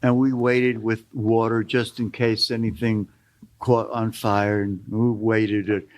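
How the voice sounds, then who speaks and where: A man's voice: lowish voice, little pitch movement, takes it slowly, darkish tone. Older guy spinning folksy stories, wanders off on little asides. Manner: rambling, folksy storytelling with asides. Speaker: storytelling guest. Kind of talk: casual storytelling on a talk show.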